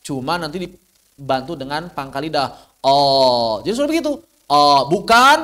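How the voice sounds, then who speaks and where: A man with a fairly high voice and an Indonesian accent gives a live pronunciation lesson. He over-enunciates, stretching and repeating sounds so that each one is distinct. His delivery is that of an instructive recitation teacher. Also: big pitch swings, moderate pace, bright, forceful tone. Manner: over-enunciates, drawing out sounds and syllables to demonstrate; instructive, with repeated examples and rhetorical questions.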